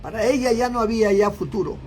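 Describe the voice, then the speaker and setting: A man's voice: sits high, quick pace, a little hiss or hum. A man preaching a sermon as a pastor, with impassioned delivery, acting out the voices of a crowd.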